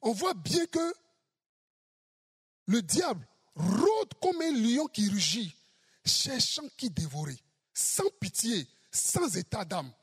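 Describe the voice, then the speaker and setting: Preacher, sermon delivery, deliberate pace, lively rising and falling pitch, repeats for emphasis. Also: slightly rough. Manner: slow, emphatic, repeats key phrases.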